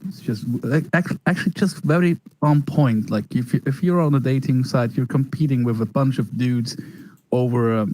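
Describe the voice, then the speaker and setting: A man's voice: medium pitch, moderate pace, mellow, dry recording, poor audio. A man chatting casually on a stream, hesitant and stumbling over his words with lots of fillers. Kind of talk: casual chat.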